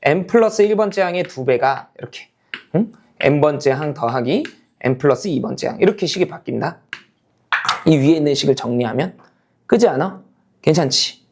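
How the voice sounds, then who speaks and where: A math teacher who keeps checking in. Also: male voice, fairly high pitch, lively intonation, moderate pace, a little mellow, slight background noise. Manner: constantly checks in with the class, switching between casual and polite speech; explains step by step, repeating key points. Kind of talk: lecture to students.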